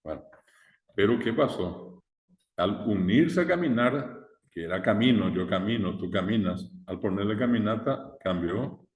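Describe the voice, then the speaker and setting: Male teacher, very low voice, echoey reverberant room, patient step-by-step lecture. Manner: explains step by step with frequent "eh" and rhetorical questions. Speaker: language teacher. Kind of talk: recorded online class lecture.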